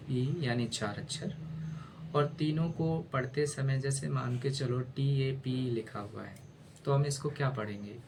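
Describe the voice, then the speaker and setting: A man's voice: mid-range voice, creaky, a little hiss or hum. A male teacher gives a casual spoken lesson, spelling letters aloud and often asking "है ना?".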